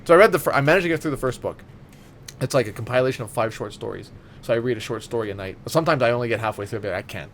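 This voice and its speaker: A man co-hosting a podcast chats casually with friends in a mid-range voice, talking rapid-fire. He's rambling and enthusiastic, swears a lot, and there's slight background noise.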